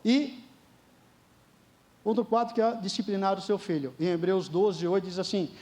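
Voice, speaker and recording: A man's voice: high-pitched, normal speed, darkish tone. A middle-aged Brazilian man preaching a sermon at a church service, emphatic, often calling his listeners dear ones. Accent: Brazilian Portuguese. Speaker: pastor.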